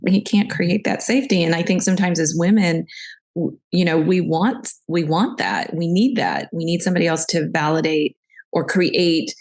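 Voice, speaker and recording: A woman's voice: on the low side, moderate pace, a little mellow. A woman hosting a podcast interview, talking candidly and reflectively about her own experiences. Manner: candid, reflective, shares personal stories. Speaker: podcast host. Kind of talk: conversational interview.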